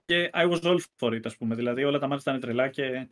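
A man co-hosting a casual wrestling podcast, rambling with lots of fillers as he gathers his thoughts. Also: medium pitch. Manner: rambling, many fillers and restarts. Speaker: podcast co-host.

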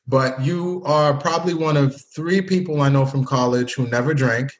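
A man of Haitian family background, partly raised in Canada, hosts a podcast and casually needles his old college friend. He has a mid-range voice and keeps a moderate pace throughout the interview chat.

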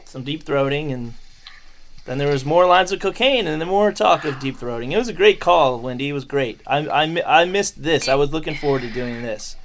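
A middle-aged man hosting a podcast, fast-talking, excitable and profane in loose crude banter. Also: a little high. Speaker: podcast host.

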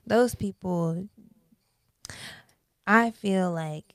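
A woman in her twenties, a guest artist chatting on a podcast, talking in an animated way and sometimes dropping into a whisper. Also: medium pitch, very slow, no room sound, studio quality. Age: 20s. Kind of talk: casual podcast conversation.

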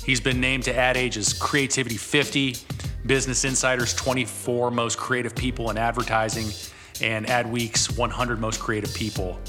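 A man's voice: mid-range voice, level tone, normal speed, music in the background. A man hosting a podcast, reading an upbeat intro with casual slang and interviewing a guest. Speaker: podcast host.

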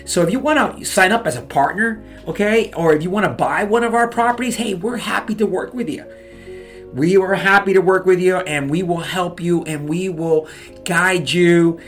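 A man's voice: high-pitched, moderate pace, fairly bright tone, faint music behind. A man giving real estate advice in a motivational talk, fired up, pushing his listeners with repeated "okay?" and "you guys.".

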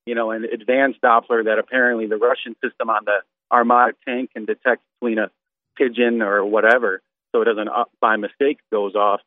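A man's voice: fairly low pitch, little pitch movement, a little fast, dry recording. Rambling man caller over the phone. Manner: rambling, full of "you know" and "like". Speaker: radio call-in caller. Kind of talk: casual chat. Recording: tinny dry phone line.

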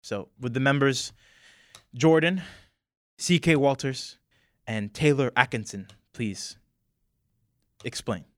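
A man's voice: mid-range voice, animated, takes it slowly, pauses often, no room sound, studio quality. A man voicing a stern female council speaker who talks in a formal, commanding way.

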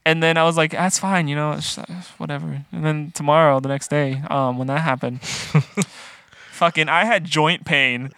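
A man's voice: a little high, fairly even intonation, normal speed, vocal fry, bright, forceful tone, clean tone, dry recording. Laughing, swearing podcast guy. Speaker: podcast co-host. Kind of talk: casual podcast chat.

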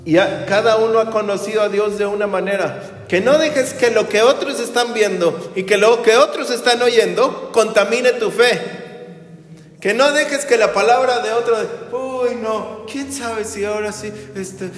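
A man with a high, bright preaching voice delivers an animated sermon. He tells stories and acts out the voices of the people he quotes. The sound is roomy, with a long tail of reverb from a big hall. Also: normal speed. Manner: lively storytelling, acting out quoted people. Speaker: pastor.

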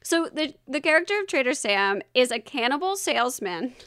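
Giggly high-voiced woman podcast host. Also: normal speed, smooth, dry recording, studio quality. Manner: giggly, animated storyteller. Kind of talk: casual chat.

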